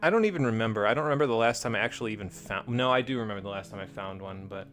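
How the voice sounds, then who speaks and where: A man's voice: fairly low pitch, racing, a bit bright. Wry male streamer thinking aloud. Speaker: game streamer. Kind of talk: casual playthrough commentary. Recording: faint game music behind.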